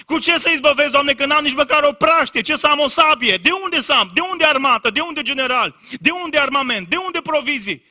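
A fearful, self-doubting man pleads that he has nothing and cannot do what is asked, played by a male preacher in his sermon. His voice is high and bright, full of disbelieving complaint. The delivery stays close to the preacher's own voice. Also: lively intonation, hardly any pauses, exaggerated voice. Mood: pleading. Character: fearful, doubting biblical man protesting to God.

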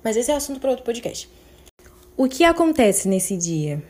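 A woman's voice: fairly high pitch, sing-song, normal speed, a little mellow. A young woman talking candidly and emotionally on her podcast, at times close to tears. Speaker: podcast host. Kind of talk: personal confessional podcast.

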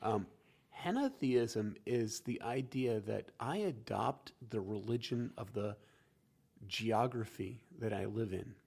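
A man's voice: fairly low pitch, animated, slow pace, vocal fry, darkish tone, slightly rough. A man explaining church history in a casual conversational discussion, lecturing with frequent restarts.

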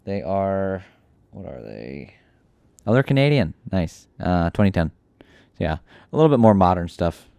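A man's voice: sits low, sing-song, normal speed, creaky, mellow, clear, resonant tone, no echo. A man co-hosting a comedy podcast, rambling casually with lots of fillers and jokes. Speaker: podcast co-host.

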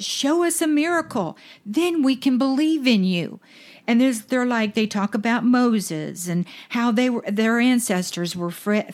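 A woman minister reading Bible verses aloud and explaining them in an earnest, deliberate way. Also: on the high side, a little mellow. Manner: earnest, slows down to stress verses.

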